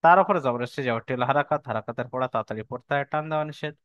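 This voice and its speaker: Patient, clear-voiced male tajweed teacher. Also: mid-range voice, a bit bright, no room sound, highs cut off. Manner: patient, repetitive explaining, spelling out syllables slowly. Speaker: Quran recitation teacher. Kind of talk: online tajweed lesson.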